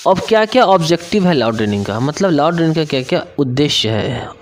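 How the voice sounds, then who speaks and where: A young man from India with a Bihari Hindi accent, teaching an online exam-prep lesson, reading English lines slowly and then explaining them in Hindi, often checking in with his listeners. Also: on the high side, expressive. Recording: faint background noise.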